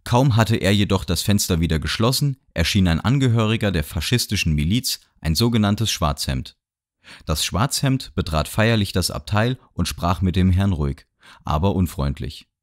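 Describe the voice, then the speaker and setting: A man reading a novel aloud as an audiobook narrator, measured and expressive. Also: low voice, no room sound. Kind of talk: scripted literary narration. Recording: dry studio sound.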